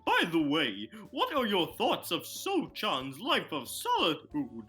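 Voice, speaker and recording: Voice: medium pitch, wildly swooping pitch, takes it slowly, pushed and bright, faint music behind, exaggerated voice. Pushy, nosy cafe regular voiced by a man. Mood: teasing. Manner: nosy, teasing, swooping. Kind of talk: fan comedy dub.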